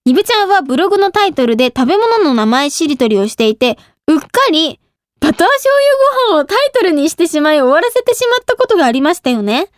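A woman's voice: high voice, no room sound, clean studio sound. A woman in her twenties hosting a radio show in casual, giggly talk, often laughing at herself. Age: 20s. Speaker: radio show host and idol.

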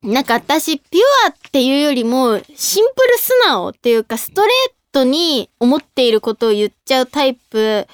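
A young woman hosting a casual radio talk show, reading listener mail with a bubbly, giggly, animated manner. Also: high-pitched, normal speed, few pauses, no echo, clean studio sound. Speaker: idol radio host.

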